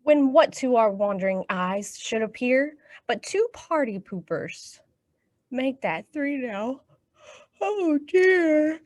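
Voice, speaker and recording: A woman with an American accent and a high, slightly mellow voice takes it slowly as she hosts children's storytime, her pitch swinging widely. Between read-alouds and action songs, she encourages the little ones with questions and praise.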